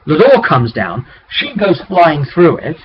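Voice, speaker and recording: A man with a somewhat high, sing-song, husky voice speaks at an unhurried pace. Acting as game master, he recaps a tabletop roleplay session in a rambling, conversational storytelling style. The webcam microphone gives dull audio with background noise.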